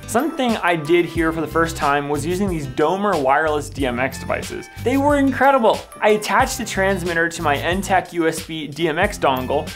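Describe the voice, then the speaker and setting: A man's voice: a little high, a bit bright. A young man narrating a church production walkthrough in an upbeat, enthusiastic voice, recorded in a small room. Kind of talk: scripted voice-over walkthrough. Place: small room with blue wall.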